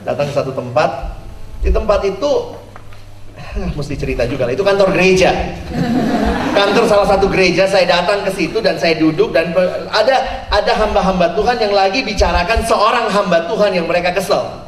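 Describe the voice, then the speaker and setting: A man's voice: high voice, fairly quick, noisy background. A man preaching a sermon, telling humorous stories and acting out the people in them. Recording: echoey room, distant mic.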